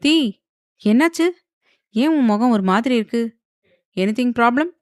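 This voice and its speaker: A man's voice: high voice, moderate pace, clear, resonant tone, no room sound, lightly acted. Woman doing a wry, teasing husband in an audio romance, offhand, dry close recording. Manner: mocking, offhand.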